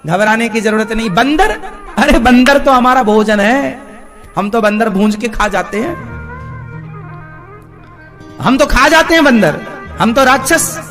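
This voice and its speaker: A man voicing flattering demon ministers, with loud, brash boasting, in a devotional storytelling sermon. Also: very high-pitched, measured pace, long pauses, faint music behind. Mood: boastful.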